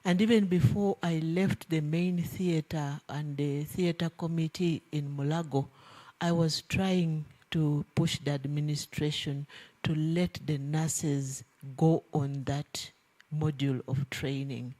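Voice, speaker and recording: Low-pitched woman in nursing, commenting from the floor, earnest, slow, handheld mic. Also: steady tone, mellow. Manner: earnest, hesitant, correcting herself. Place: conference hall. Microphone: handheld microphone passed around.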